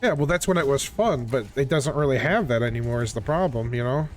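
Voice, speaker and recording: A man's voice: medium pitch, animated, brisk. A man in a casual gaming chat, complaining insistently and repetitively with frequent casual swearing. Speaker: video game player.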